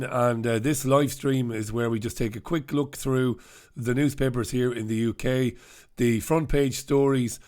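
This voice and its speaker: A man talks through the morning papers on a live stream, still full of a head cold. His voice sits in a middle pitch, and he keeps up a sardonic, joking running commentary. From United Kingdom. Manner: sardonic, jokey asides. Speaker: host. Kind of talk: casual newspaper review live stream.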